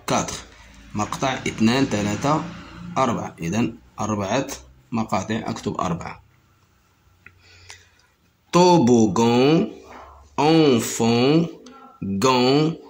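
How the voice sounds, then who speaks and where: A man with a Moroccan accent teaching young pupils, slowly stretching out and repeating words. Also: mid-range voice. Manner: slowly drawn-out repetition of words. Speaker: primary school teacher.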